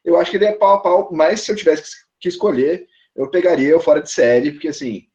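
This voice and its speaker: A Brazilian man chatting in a relaxed, slangy way as a panelist in a casual roundtable. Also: a little high, fast. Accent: Brazilian Portuguese. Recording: dull lo-fi audio.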